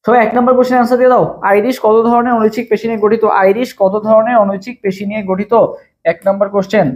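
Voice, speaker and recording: Young male tutor with a Bangladeshi Bengali accent, quick live-class delivery, repetitive drilling. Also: high-pitched, little pitch movement, darkish tone. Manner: fast, repetitive, drills each question over and over. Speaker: admission test tutor. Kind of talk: live-streamed exam prep class.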